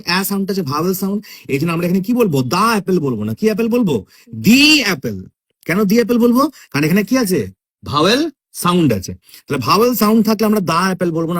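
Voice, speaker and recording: A man gives an English grammar lesson in a high, animated voice, with his pitch swinging widely from line to line. He keeps asking questions and answering them himself, drawing out his example sentences for emphasis. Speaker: English teacher.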